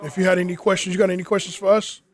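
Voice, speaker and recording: High-voiced man, casual podcast interviewer. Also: level tone, rapid-fire. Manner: speaks in frequent "you know what I'm saying" asides. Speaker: interviewer and group leader. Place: outdoors in the cold.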